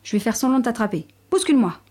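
A woman's voice: on the high side, very animated, racing, mellow. A woman voicing a loyal young male wolf cub who talks with urgent care.

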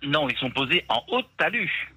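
A man's voice: a little high, big pitch swings, fairly quick, pushed and bright, a little hiss or hum, low-quality recording. A man speaking over the phone as a town mayor, giving brief, matter-of-fact answers to a radio host. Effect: heard over the phone. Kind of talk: phone call into a radio show.

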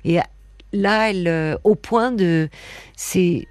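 A woman hosts a call-in radio show from the studio, attentive and encouraging. Her voice sits slightly low and sounds close and dry on the microphone. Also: takes it slowly, a little mellow, no echo. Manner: attentive, encouraging, many brief affirmations. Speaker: radio host. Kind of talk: warm late-night call-in radio hosting.

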